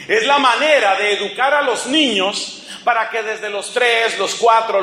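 A man's voice: high-pitched, sharp tone, a little hiss or hum. A man preaching a sermon in an impassioned, sarcastic and rhetorical way, recorded in an echoing hall.

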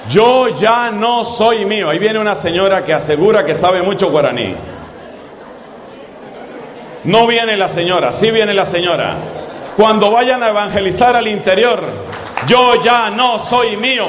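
A high-voiced man preaches to a live crowd, stressing his words and slowly repeating key phrases. His voice rings with a long hall reverb, and the congregation murmurs faintly in the background. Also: lively intonation, fairly bright tone. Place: large church hall with audience. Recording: echoey hall with crowd noise.

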